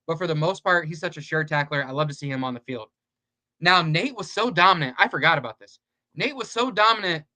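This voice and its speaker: Bright, high-voiced man in sports chat. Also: a little fast. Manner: animated, says "like" a lot. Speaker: podcast co-host.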